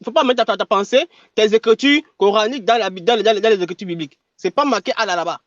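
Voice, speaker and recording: Very high-voiced man, halting, on dull audio. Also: fairly bright tone, no room sound. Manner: halting, keeps repeating "listen, brother". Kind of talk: heated online debate.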